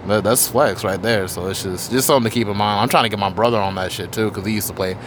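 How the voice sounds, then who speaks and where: A man's voice: lowish voice, fast talker, a bit bright, a little hiss or hum. A man hosting a podcast, chatting in a loose, rambling way with casual swearing. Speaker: podcast host. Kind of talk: casual interview chat.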